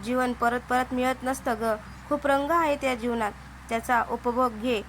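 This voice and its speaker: A woman's voice: fairly high pitch, fairly even intonation, moderate pace, a bit bright, a little hiss or hum, close to an everyday voice. A woman voicing a confident young male office boss who coaxes and insists. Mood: persuasive. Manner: coaxing, insistent.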